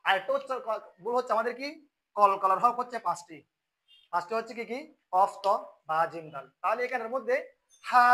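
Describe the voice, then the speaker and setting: Bright, high-voiced man teaching recitation. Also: poor audio. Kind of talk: tajweed lesson with recited examples.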